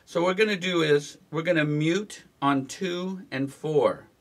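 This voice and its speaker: A man teaching guitar strumming in a relaxed, instructional way, counting the beats aloud as he plays. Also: fairly high pitch, measured pace. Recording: guitar playing behind the voice.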